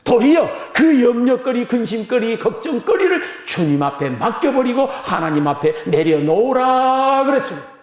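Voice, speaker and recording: A man's voice: very high-pitched, very animated, normal speed, roomy sound. A male pastor preaching a Sunday sermon, emphatic, with rhetorical questions and phrases repeated for emphasis. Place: church sanctuary.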